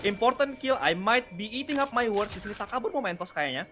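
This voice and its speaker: A man with an Indonesian accent commentates esports like an excited game announcer, phrasing things dramatically and switching into English. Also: high voice, a little fast, a crowd in the background. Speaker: esports caster. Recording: game gunfire and clicks behind voice. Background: gunfire and clicks from game.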